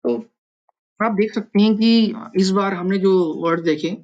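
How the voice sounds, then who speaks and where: A man's voice: high voice, a little slow, darkish tone, highs cut off. A man teaching a language lesson, patiently sounding out words syllable by syllable and repeating them for practice.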